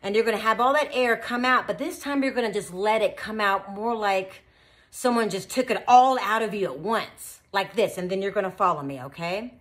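A woman teaching children beatboxing in an animated, encouraging way, full of praise. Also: medium pitch, moderate pace. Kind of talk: children's tutorial.

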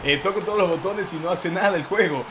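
A young man giving excitable let's-play commentary, shouting play-by-play calls. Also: sits high, fast talker, noisy background. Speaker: gaming YouTuber.

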